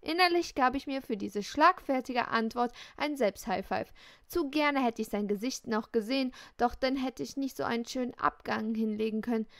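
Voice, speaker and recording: A woman reading a novel aloud in the first person, expressive and lively, voicing the heroine's own lines. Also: on the high side, normal speed, creaky, no echo, studio quality. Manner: lively, expressive, indignant in dialogue. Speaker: audiobook reader. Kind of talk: first-person audiobook narration.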